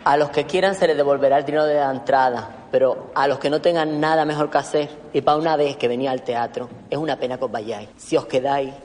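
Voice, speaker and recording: A man's voice: mid-range voice, steady tone, fast talker, few pauses, darkish tone, natural voice. A man playing an apologetic theatre presenter addressing the stalls theatrically, with an accent from Spain. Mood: apologetic, coaxing. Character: apologetic male theatre presenter promising to entertain. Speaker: theatre announcer. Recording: long hall reverb, faint noise.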